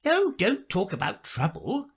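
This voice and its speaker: Preachy older duchess voiced by a man, raised pitch, husky, wandering intonation. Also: wildly swooping pitch, unhurried, heavily acted. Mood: moralizing. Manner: preachy, long-winded. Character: fussy older duchess, moralizing, agreeable.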